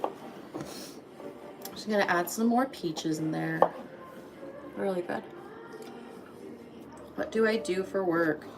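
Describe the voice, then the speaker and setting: Casual woman streamer, thirties, lowish voice, phone mic in a kitchen with faint hum. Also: takes it slowly, gravelly, pauses often. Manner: chatty, greets viewers brightly by name. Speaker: livestream host. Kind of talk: casual livestream chat. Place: home kitchen.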